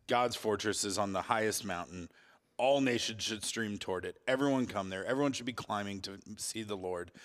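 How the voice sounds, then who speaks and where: A laid-back male podcast co-host with a slightly low voice who laughs easily. He chats casually and walks through scripture readings. His voice rings with a long, cave-like echo from a stone monastery room. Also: fairly bright tone. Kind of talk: casual chat and scripture commentary. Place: former stone monastery building.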